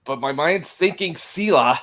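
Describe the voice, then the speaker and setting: A man's voice: fairly high pitch, lively intonation, a little slow, a bit bright. A man guest on a casual online podcast, talking eagerly as a fan and swearing casually.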